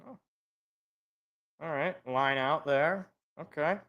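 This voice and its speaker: A man doing casual live play-by-play football commentary, reacting as he goes and moving between excited calls and muttered asides. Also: a little high, slow, dull audio.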